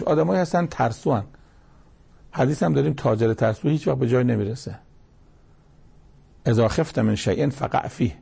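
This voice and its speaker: Gravelly-voiced male preacher. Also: mid-range voice, dark tone. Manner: colloquial, tells anecdotes, bursts into emphatic exhortations. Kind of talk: sermon explaining scripture.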